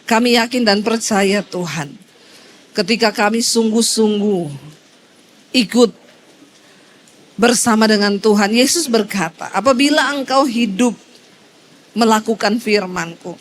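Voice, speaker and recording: A woman's voice: medium pitch, measured pace, long pauses. A woman pastor with an Indonesian accent, preaching a sermon and telling a story, acting out the voices of the people in it. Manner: storytelling, acts out quoted voices.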